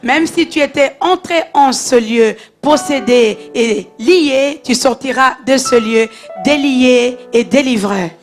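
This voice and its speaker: An interpreter in a church hall, restating the pastor's words in a steady, formal way. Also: high-pitched, takes it slowly, soft background music. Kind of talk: live sermon interpretation.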